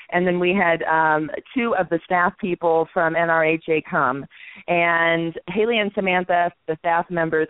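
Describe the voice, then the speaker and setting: A woman guest chatting on a radio show, telling stories in a lively way and laughing at herself. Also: sits low, no echo. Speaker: guest from an instructors' association. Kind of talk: casual radio chat. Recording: tinny phone-line sound, dry.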